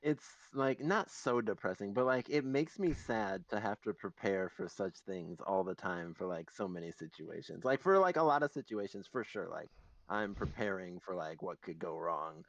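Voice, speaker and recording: A man's voice: low-pitched, lively intonation, normal speed, dry recording, highs cut off. A man co-hosting a podcast in casual chat, rambling and full of fillers, laughing often. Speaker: podcast co-host.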